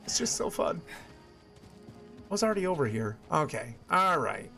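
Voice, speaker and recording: A man's voice: a little high, sing-song, normal speed, vocal fry, pushed and bright. Chatty male game streamer over music. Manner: chatty, family-friendly, exclaims at small things. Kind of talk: casual live stream chat while gaming.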